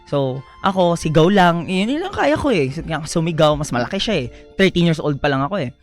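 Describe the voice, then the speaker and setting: A young man speaking as a radio guest, his voice sitting a little higher than most men's. He talks softly and politely, mixing English phrases into his story. Faint music runs underneath. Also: very animated, a little fast. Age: young adult. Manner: soft-spoken, polite, mixes English into his speech. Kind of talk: personal storytelling interview.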